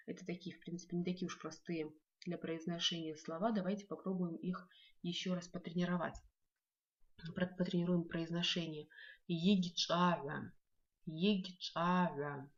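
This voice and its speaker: Slow, patient woman teaching a language. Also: lowish voice, highs cut off. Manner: slow, patient, repeats words for learners. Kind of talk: video language lesson.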